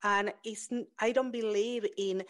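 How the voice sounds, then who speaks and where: A woman's voice: medium pitch, fairly even intonation, a little slow. A woman hosting an interview, English is not her first language, speaking in an earnest, reflective way. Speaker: host. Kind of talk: interview conversation.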